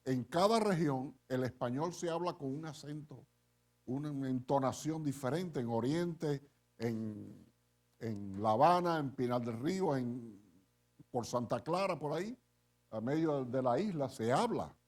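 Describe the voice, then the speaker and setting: Lively, unhurried preacher man. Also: medium pitch. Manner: animated storytelling with frequent "eh?" check-ins. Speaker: pastor. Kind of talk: sermon.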